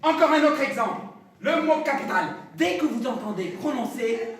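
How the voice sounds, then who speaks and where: An actor playing a pompous, irascible, domineering professor in an absurdist stage play, with insistent, emphatic delivery. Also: male voice, very high voice, animated, moderate pace. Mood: pompous, lecturing. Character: domineering, irascible, pedantic male professor who turns murderous. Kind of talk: absurdist theatre acting. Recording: very echoey room, distant microphone.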